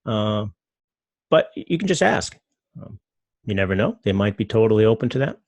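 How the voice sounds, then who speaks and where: Low gravelly man giving a casual talk. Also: normal speed, no echo. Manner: relaxed, rambling with fillers. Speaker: presenter.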